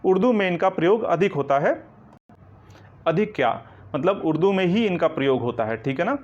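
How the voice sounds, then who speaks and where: A man with a fairly high voice teaches Hindi grammar in an online coaching lecture. He goes step by step, keeps checking in with the listener, and answers his own questions. The recording sounds dull and lo-fi. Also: lively intonation, normal speed, darkish tone. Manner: explains step by step, repeating "ठीक है ना" and asking questions back.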